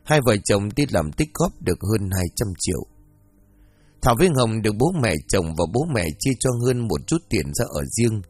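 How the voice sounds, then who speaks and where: A man narrates a story as an audiobook in an expressive reading voice. His pitch is low but moves around a lot. Faint music plays underneath. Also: normal speed, husky, no echo.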